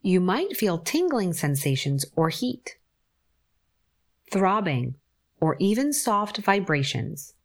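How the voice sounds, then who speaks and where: Gentle and calm in each instruction, this woman guides a forest bathing meditation at a slow, soothing pace, pausing at length between phrases. Though her pitch sits a little low, it rises and falls melodically and with life.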